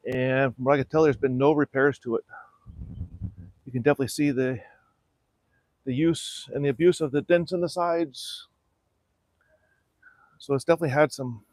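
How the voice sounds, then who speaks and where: A middle-aged man from South Florida, hosting a casual livestream from his backyard and explaining, in a relaxed and practical way, how he is restoring a small boat. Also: mid-range voice, dry recording. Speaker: channel host restoring a boat. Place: backyard outdoors.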